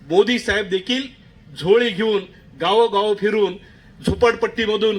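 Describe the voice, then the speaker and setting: Male rally speaker, very high, sharp-edged voice, impassioned and rhetorical. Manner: impassioned, rhetorical repetition and questions. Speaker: political party worker giving a rally speech. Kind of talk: political rally speech.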